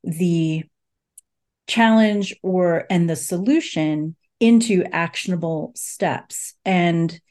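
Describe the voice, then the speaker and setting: A woman's voice: on the low side, darkish tone. A woman hosting a casual podcast conversation, searching for words with lots of "like" and asking open, curious questions. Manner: searching, halting, full of "like". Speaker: podcast host.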